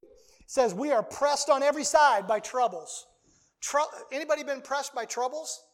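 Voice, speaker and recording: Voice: high-pitched, lively intonation, normal speed. A preacher delivering a sermon, reading scripture aloud and driving points home by repeating key phrases.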